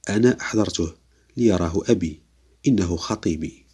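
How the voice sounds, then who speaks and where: An innocent young female jinn speaks calmly and plainly in a storybook tale. A man voices her in his own very low, husky register. The delivery stays level and unhurried.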